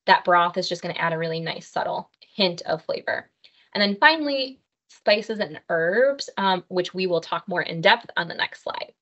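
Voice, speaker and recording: A woman dietitian teaches an online cooking class as a health session with slides, friendly and practical, with frequent "um" fillers. Her voice sits on the low side, a bit bright, with lively intonation at normal speed, coming through a webcam on a video call with slightly dull audio.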